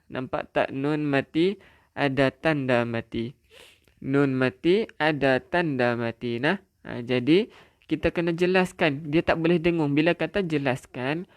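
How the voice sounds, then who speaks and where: A man teaching a live online Quran reading class, patiently repeating points and reciting Arabic slowly. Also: fairly high pitch, clear, resonant tone, dry recording, clean studio sound.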